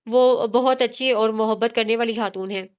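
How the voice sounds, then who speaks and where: A woman's voice: fairly high pitch, fairly even intonation, smooth, close to an everyday voice. A woman voicing an innocent young woman in a story, speaking naively and asking many questions. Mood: curious.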